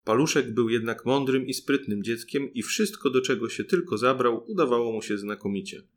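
Man, audiobook narrator, fairy tale, measured storytelling cadence, mid pitch. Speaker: audiobook reader.

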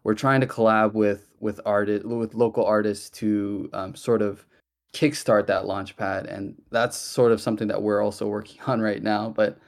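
A man's voice: fairly low pitch, little pitch movement, moderate pace. A man hosting a casual online Q&A, chatty and loose, with many fillers and restarts. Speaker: project host. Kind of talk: casual audio-room Q&A.

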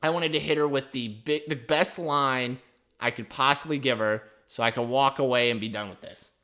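A man's voice: medium pitch, moderate pace, sharp tone. A young man hosting a podcast, telling a story in a rambling, wry, profane way. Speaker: podcast host. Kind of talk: casual storytelling.

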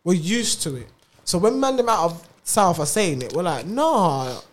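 Higher-voiced London roadman, lively and slangy. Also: normal speed. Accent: South London roadman, multicultural London English. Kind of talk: casual group chat, heavy street slang.

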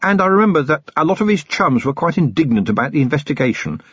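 Man doing a sarcastic tired cop, dry wit, husky voice, animated, audiobook figure. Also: fairly high pitch, quick pace, dry recording, lo-fi sound, voice pushed up, heavily acted. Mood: wry. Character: weary, sardonic policeman husband.

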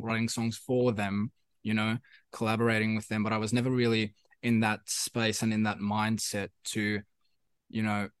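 His mid-range voice is recorded without echo. The speaker, a young adult South African musician whose first language is Afrikaans, gives a casual interview in South African-accented English, rambling, repeating himself, and using many fillers.

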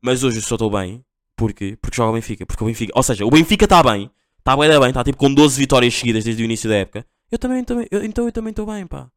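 A man's voice: mid-range voice, lively intonation, rapid-fire, dry recording, studio quality. A young man with a Portugal accent hosting a casual solo podcast, rambling in slang with constant fillers. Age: young adult. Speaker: podcast host.

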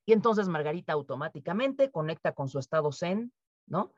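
A woman's voice: on the low side, big pitch swings, brisk, darkish tone, no room sound. A woman with a Mexican accent presenting a webinar, talking to participants, acting out quoted speech and asking tag questions. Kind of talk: interactive webinar talk. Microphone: video call. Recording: dull, dry video-call audio.

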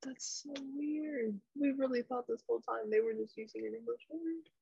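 A woman's voice: a little high, moderate pace, gravelly, dark tone, lo-fi sound, slight background noise. A young woman co-hosting a podcast, chatting in a laid-back, wry way and saying "like" a lot. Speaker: podcast co-host. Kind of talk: casual chat.

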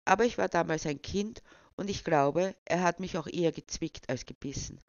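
A man's voice: on the high side, normal speed, dry recording, natural voice. A storyteller voicing a shy young man who is afraid of dogs and speaks hesitantly and earnestly, on a dull, dry recording.

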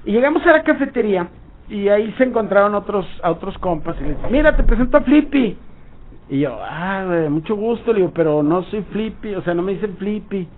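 A man's voice: high voice, expressive, fairly quick, a little hiss or hum. A Mexican man telling a rambling anecdote on a radio show, acting out bits of dialogue. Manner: rambling storytelling with acted-out dialogue. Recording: tinny phone-like sound.

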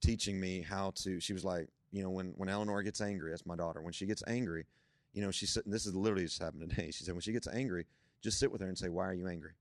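A man's voice: deep voice, fairly even intonation, fast, no echo, clean studio sound. A young man, a guest on a church podcast, talking about faith in an emphatic, preacherly way that builds to strong points.

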